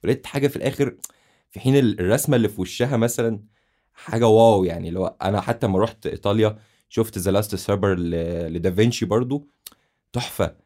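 A man's voice: lowish voice, quick pace, warm tone. A man in his twenties with an Egyptian Arabic accent, casually telling stories as a podcast guest. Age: 20s. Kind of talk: casual conversational storytelling.

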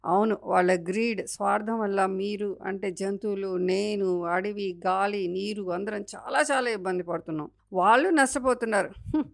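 A woman's voice: mid-range voice, normal speed, vocal fry, natural voice. A woman voicing the forest as a caring, motherly spirit in a storybook tale, explaining things patiently. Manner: explaining patiently, sometimes angry.

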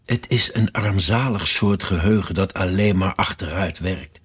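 A man reading a storybook aloud and voicing a scatterbrained, fussy queen who talks in a breezy, sing-song way and breaks into shrill cries. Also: a little slow, breathy edge, heavily acted.

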